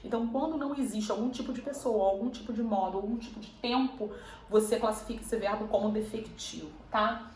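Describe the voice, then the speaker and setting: A woman's voice: mid-range voice, a little fast, darkish tone. A woman teacher gives a grammar lesson, explaining patiently and checking in with her listeners. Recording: echoey room, faint ambient noise.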